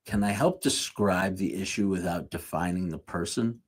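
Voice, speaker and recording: Male speaker, husky and low-pitched, conversational sermon, off-the-cuff with quick self-corrections. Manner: off-the-cuff, corrects himself mid-sentence. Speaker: speaker at a live church series. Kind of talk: conversational sermon with jokey asides.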